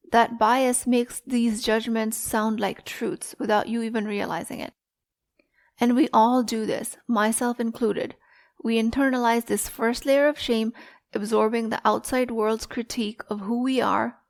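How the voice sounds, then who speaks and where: A woman life coach giving a calm, deliberate teaching talk on her solo podcast. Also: a little high.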